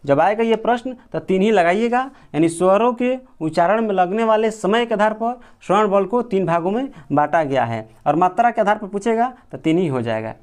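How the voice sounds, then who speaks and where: High pitched guy teacher running thru quiz questions, says the answer then asks it again, very repetitive. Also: lively intonation, brisk, hardly any pauses, darkish tone. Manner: colloquial with regional words like gō. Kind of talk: exam question walkthrough lesson.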